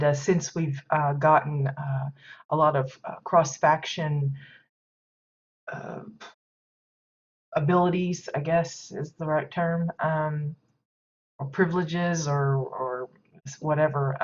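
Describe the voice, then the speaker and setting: A woman hosting a game stream, touring player housing in casual commentary, stuffy-nosed and rambling with many fillers. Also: low-pitched. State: stuffy nose from sneezing. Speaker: game stream host giving housing tours. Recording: dull lo-fi stream audio.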